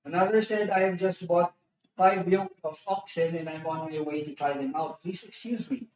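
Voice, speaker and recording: A fairly high-voiced man preaching a sermon to his congregation. He talks casually, restarting phrases and checking in with tag questions. The sound is dull and lo-fi, with heavy room echo, since he stands some way from the mic. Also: level tone, moderate pace, recorded from a distance, a little hiss or hum. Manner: conversational, mixes Tagalog and English, frequent restarts and tag questions. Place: church hall. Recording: echoey church hall, dull lo-fi sound, speaker off-mic.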